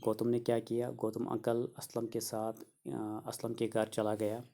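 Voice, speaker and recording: A gravelly, mellow-toned man in middle age teaches a children's reading lesson. He keeps a level, unvaried delivery and repeats each idea in plainer words so young pupils can follow. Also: fairly low pitch, monotone. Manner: repetitive, restates each sentence simply for children. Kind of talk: explaining a school reader lesson.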